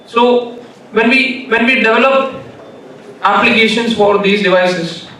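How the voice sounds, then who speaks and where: Male conference speaker, Malayalam accent, bright high-set voice, halting informal delivery with repeated phrases. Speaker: keynote speaker. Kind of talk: informal conference talk with anecdotes. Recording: echoey hall, distant mic, faint noise.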